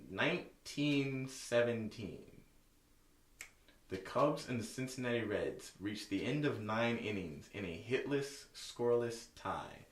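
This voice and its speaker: A man co-hosting a casual sports podcast, rambling with lots of fillers as he reads stats aloud. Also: medium pitch. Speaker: podcast co-host. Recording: echoey room, distant from mic.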